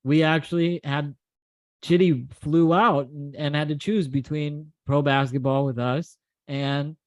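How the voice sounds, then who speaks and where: Higher-voiced man hosting, dry sound. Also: steady tone, measured pace, no echo, poor audio. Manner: rambling, joking questions. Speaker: host. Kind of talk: casual chat.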